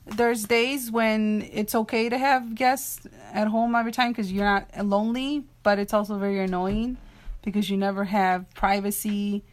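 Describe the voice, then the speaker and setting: A woman's voice: medium pitch, fairly even intonation, normal speed. A mother in her late thirties being interviewed, speaking frankly and matter-of-factly. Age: 30s.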